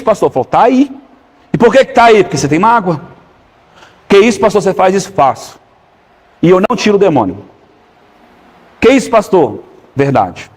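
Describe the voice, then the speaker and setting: A man's voice: high voice, in a large hall. A man pastor preaching a sermon, often calling out to the congregation for agreement. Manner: preaching with call-and-response questions to the congregation. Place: church hall.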